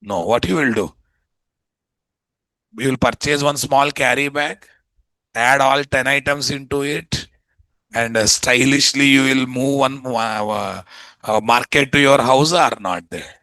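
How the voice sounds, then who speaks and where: Man, Telugu Indian accent, bright forceful voice, gravelly edge, classroom instructor, colloquial, question-driven delivery, dry sound. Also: medium pitch, a little slow, long pauses, dry recording, rough recording. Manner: animated, colloquial, repeats rhetorical questions to the class. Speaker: programming instructor. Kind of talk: interactive classroom lecture.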